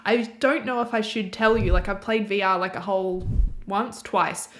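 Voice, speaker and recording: A young woman chatting casually as she reacts to a game trailer, rambling and thinking out loud. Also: mid-range voice, fairly even intonation, normal speed, a little hiss or hum. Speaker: reaction video host.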